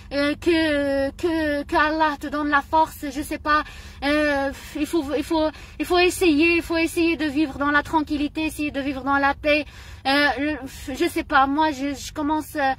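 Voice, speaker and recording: A woman's voice: high-pitched, fairly even intonation, unhurried, a bit bright. A middle-aged woman from Morocco, speaking in an impassioned personal monologue, indignant and emotional, often repeating her phrases. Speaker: vlogger.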